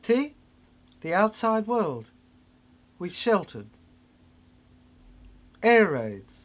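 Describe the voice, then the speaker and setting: A very animated older person at medium pitch delivers a cryptic, meandering monologue. It comes out in halting fragments, with certain phrases repeated for emphasis.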